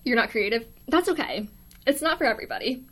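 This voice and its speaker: A shy, quiet young woman with an American accent, chatting casually on a livestream from her dorm room, reading viewer comments aloud with lots of ums and little laughs. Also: fairly high pitch, animated, fast. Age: young adult. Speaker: livestream host.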